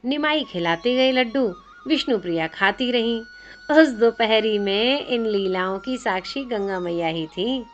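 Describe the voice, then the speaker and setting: A woman storyteller narrating a devotional tale in a gentle, expressive way. The recording sounds slightly dull, with faint music behind. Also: on the high side, unhurried.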